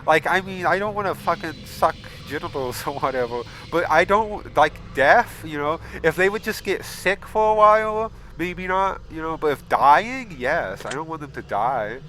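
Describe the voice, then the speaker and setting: A man hosting a casual gaming video, reading questions aloud and answering them bluntly, with frequent swearing and loud exasperated outbursts. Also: a little high, lively intonation, normal speed, hardly any pauses, a little hiss or hum. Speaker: gaming channel host. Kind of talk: casual game commentary.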